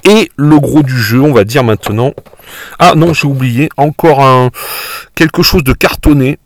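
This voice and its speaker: A man's voice: medium pitch, measured pace. A man casually narrating a board game unboxing, hesitant and self-correcting, full of fillers and admiring remarks.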